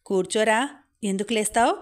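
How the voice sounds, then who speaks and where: A woman's voice: medium pitch, brisk, close to an everyday voice. A woman reading the parts of teasing male college seniors in an audiobook, speaking in a mocking, bossy way.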